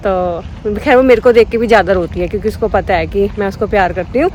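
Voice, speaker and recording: A woman's voice: mid-range voice, quick pace, a little mellow, a little hiss or hum. A young woman vlogging casually outdoors on a city street, chatty and cooing to street dogs. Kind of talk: casual vlog chat.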